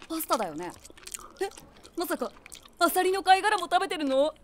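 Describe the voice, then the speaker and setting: An actress voices a nosy, imaginative middle-aged woman who narrates and stars in a comic audio drama, tossing in wry, theatrical asides with amused commentary. Her very high voice is very animated and brisk, over a noisy background.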